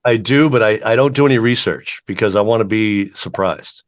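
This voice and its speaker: A man's voice: on the low side, a little fast. A man hosting a casual interview show over a video call from his home studio. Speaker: podcast host.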